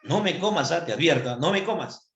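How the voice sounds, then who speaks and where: A man's voice: fairly high pitch, expressive, fairly quick, fairly bright tone. A male teacher voicing a doomed bacterium that pleads and warns not to be eaten, in a roomy echo. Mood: pleading. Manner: pleading, warning.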